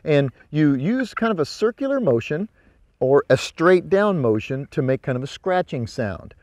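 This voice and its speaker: A man's voice: fairly high pitch, big pitch swings, moderate pace, darkish tone, no echo. A man giving a casual hands-on demonstration as an instructor, explaining in an informal, folksy way outdoors. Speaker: hunting instructor, presenter. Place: outdoors in brush by a ravine.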